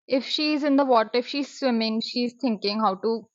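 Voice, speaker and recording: A woman, talking through book reviews in a chatty, expressive vlog style. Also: fairly high pitch, normal speed, no room sound. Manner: chatty, expressive, drops in Hindi words. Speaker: booktuber. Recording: dry, slightly muffled.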